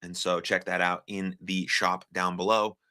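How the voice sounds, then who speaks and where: An American livestream host with a low, sharp-toned voice chats casually with viewers and reads their comments aloud. He's unhurried, with little pitch movement, and comes across friendly and encouraging, using lots of filler words.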